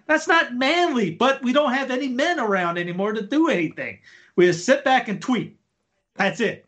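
A man's voice: very high-pitched, animated, normal speed, fairly bright tone. A man speaking as a guest on a talk show, impassioned and preachy, ranting in bursts. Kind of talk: casual talk show chat.

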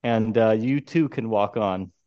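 A man's voice: on the low side, a little slow, no room sound, dull audio. A man co-hosting a casual golf podcast, teasing the others and giving mock tips to listeners. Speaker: podcast co-host. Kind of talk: casual chat.

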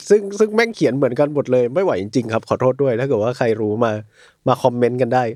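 A man's voice: mid-range voice, sing-song, quick pace, a little mellow, dry recording, clean studio sound. Joking, foul-mouthed male co-host. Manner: joking, swears freely, many "mm" backchannels. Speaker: podcast co-host. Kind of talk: casual chat.

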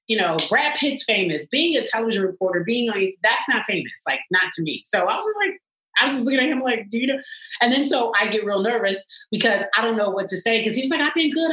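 A woman in her thirties, a sports TV anchor, telling stories in casual chat with lively jumps up into a high voice. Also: echoey room, low-quality recording. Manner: animated, swoops up high when acting out her reactions.

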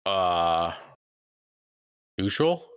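A man's voice: low voice, big pitch swings, extremely slow, fairly bright tone, clean tone, dry recording, clean studio sound. A man in casual chat, answering quiz questions in a hesitant way, full of fillers. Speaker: guest.

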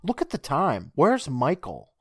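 A man's voice: fairly high pitch, huge pitch swings, measured pace, a bit bright, breathy edge, dry recording, studio quality, exaggerated voice. A man doing a stern scolding mom. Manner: stern, nagging tone. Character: angry scolding middle-aged mother.

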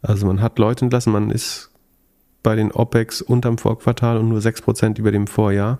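A man's voice: fairly low pitch, gravelly, dark tone. A man hosting a podcast, chatting casually and analytically about finance, often thinking aloud hesitantly.

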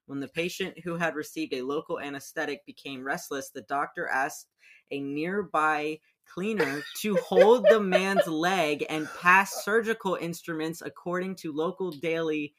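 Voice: mid-range voice, moderate pace, a bit bright, slight background noise. A young adult podcast host in casual chat, reading a news story aloud with swearing, stumbles and easy laughter. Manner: rambling, swears, laughs easily.

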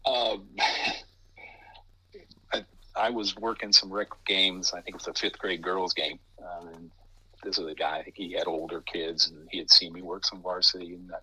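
A man's voice: low voice, flat delivery, normal speed, bright, forceful tone, slightly rough, low-quality recording. A man who referees basketball, telling a story about himself with dry, understated humor. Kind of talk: casual anecdote telling.

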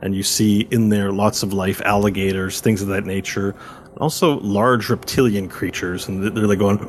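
A man with a fairly low voice acts as game master. He improvises descriptions of a tabletop adventure in a conversational way. Light ambient noise sits behind his voice. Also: steady tone, moderate pace.

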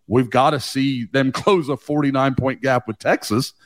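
Animated rambling man, dry sound. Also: medium pitch, normal speed, dry recording. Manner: animated, rambling, swears casually. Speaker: guest, team beat writer. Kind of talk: casual podcast chat.

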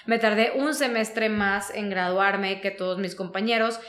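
A woman from Mexico, a human resources consultant telling her life story in an interview, animated and full of fillers. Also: medium pitch, a little slow, roomy sound. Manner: animated, frequent fillers like "o sea" and "¿no?". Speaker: guest, HR consultant.

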